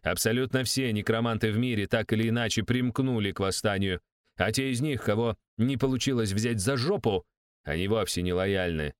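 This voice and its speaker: A man's voice: on the low side, brisk, no echo, lightly acted. A man voicing a contemptuous, bullying older male secret police official. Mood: menacing.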